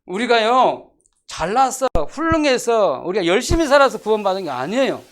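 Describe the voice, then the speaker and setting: A preacher delivering a church sermon, the pitch leaping up and down with lively animation. Key phrases come back again and again, and questions are thrown out at the congregation. Loud, pressing declarations give way to sudden quiet, almost whispered asides. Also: moderate pace. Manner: emphatic, repeats key phrases, asks the congregation rhetorical questions. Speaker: pastor. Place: church sanctuary.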